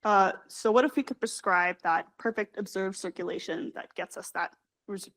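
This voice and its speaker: A young woman presents her research at a scientific working group. She rushes through her slides, full of fillers and quick self-corrections, in a mid-pitched voice. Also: fairly bright tone. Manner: fast, hurried delivery with frequent fillers and self-corrections. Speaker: graduate student presenter. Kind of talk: scientific conference talk.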